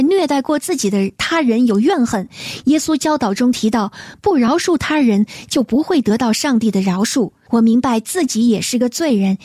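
Woman, faith radio co-host, gentle measured reading, warm mellow tone, dry studio sound. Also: a little high, no room sound. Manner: gentle, measured, reads letters aloud. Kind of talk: reading listener letters on a faith program.

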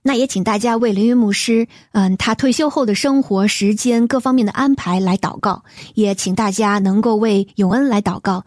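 Woman, faith radio co-host, gentle measured reading, warm mellow tone, dry studio sound. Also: mid-range voice, no room sound. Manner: gentle, measured, reads letters aloud. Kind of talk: reading listener letters on a faith program.

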